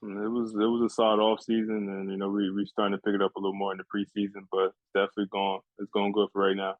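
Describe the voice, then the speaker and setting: A young man from New Jersey, a college basketball player, answering interview questions in a relaxed, polite way. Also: fairly low pitch, fast, dry recording. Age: young adult. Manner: laid-back, polite, keeps saying "yes, sir". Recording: dry, phone-like lo-fi sound.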